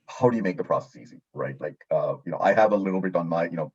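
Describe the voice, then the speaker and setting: Deep husky man, quick and loose. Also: a little mellow, muffled recording. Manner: loose, many fillers like "you know" and "right". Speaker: host. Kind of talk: casual conversation.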